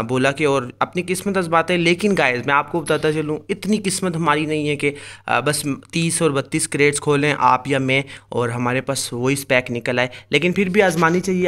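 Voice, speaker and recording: Over gameplay footage, the host of a mobile game tips channel talks viewers through a tutorial in a relaxed, step-by-step way, addressing them directly. His voice is mid-range with a fairly bright tone.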